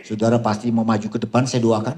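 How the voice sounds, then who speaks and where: Fast and medium-pitched, a male pastor preaches a sermon of funny stories with a certain flavor, laughing often. He calls out "saudara" to the congregation and gets animated, raising his voice when excitement takes hold.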